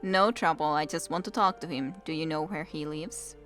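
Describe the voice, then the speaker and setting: A woman's voice: low voice, moderate pace, fairly bright tone, faint music behind. A woman hosting a let's play, chatting casually as she comments on a video game and reads it aloud.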